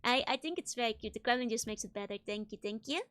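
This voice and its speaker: A woman livestreamer chatting casually with viewers in a bubbly, giggly, gushing way, with a high-pitched bright voice. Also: fast talker, clean tone. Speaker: streamer, virtual YouTuber host.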